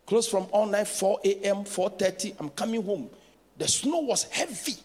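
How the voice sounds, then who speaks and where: A bishop preaching in a big church hall, his high, gravelly voice swinging widely in pitch. He tells stories and calls out to the congregation, with long reverb and soft music underneath. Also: expressive, normal speed. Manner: storytelling with laughs and call-outs to the congregation. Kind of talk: sermon.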